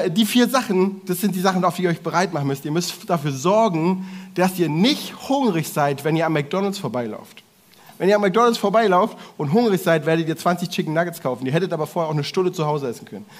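A man preaching to a congregation in a lively way, talking directly to the audience with playful asides. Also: high-pitched, fast talker. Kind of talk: sermon to a congregation.

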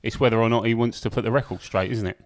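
Low-voiced man agreeing along. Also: steady tone, rapid-fire. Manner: brief agreeable replies. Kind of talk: casual podcast chat.

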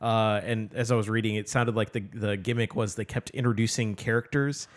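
A man's voice: lowish voice, steady tone, fairly quick. A man co-hosting a casual book podcast, rambling with lots of fillers and restarts. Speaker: podcast co-host.

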